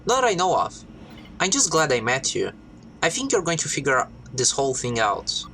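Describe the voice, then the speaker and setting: A woman's voice: deep voice, very animated, moderate pace, fairly bright tone, a little hiss or hum, exaggerated voice. A woman reading out the lines of a worried robot commuter on a train, in a plain reading voice. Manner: plain reading of game dialogue.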